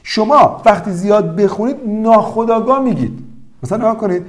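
A man teaching languages, talking in an animated, storytelling way to his viewers. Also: high-pitched. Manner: animated, lively storytelling with quoted voices. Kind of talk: promotional language-learning talk.

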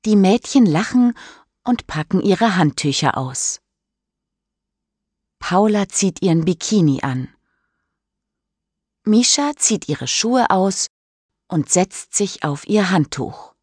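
A woman reading a children's story aloud in a clear, careful way, lifting her voice for the characters' lines. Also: medium pitch, animated, slow, long pauses, darkish tone, no echo, studio quality. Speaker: audiobook reader. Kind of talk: scripted storybook narration.

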